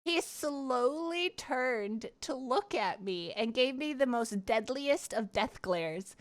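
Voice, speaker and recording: A woman streamer with a high voice chats casually and slowly with her viewers. Animated and giggly, she rambles from one thought to another while telling stories in a conversational livestream manner.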